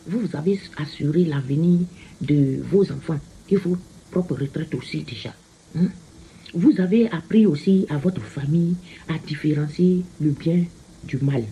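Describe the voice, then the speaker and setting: A woman giving a casual card reading, slow and repetitive, often tagging her phrases with a questioning "hein?". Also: sits low, warm tone, lo-fi sound, slight background noise. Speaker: card reader.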